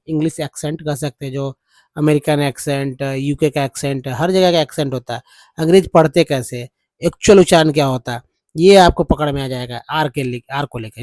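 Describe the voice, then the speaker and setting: A man teaching English pronunciation on a whiteboard, explaining slowly and repeating words for practice. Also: on the high side, a little mellow, dry recording.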